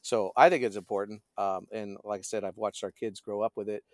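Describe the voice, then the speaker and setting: The man's voice is fairly low and a little mellow, with fairly even intonation and a brisk pace. He's middle-aged, a pastor and fishing guide, telling stories conversationally as a podcast guest while often groping for words. The recording is studio quality, with no room sound.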